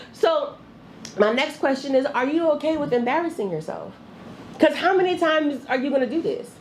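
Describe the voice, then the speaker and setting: Woman, podcast host, blunt and profane, laughs a lot, high pitched, faint background hiss. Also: expressive, moderate pace, long pauses. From New Jersey. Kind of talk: candid advice chat.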